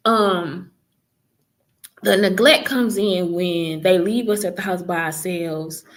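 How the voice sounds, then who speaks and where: A woman vlogger recounting her life story in casual first-person talk, rambling with many fillers and self-corrections. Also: lowish voice.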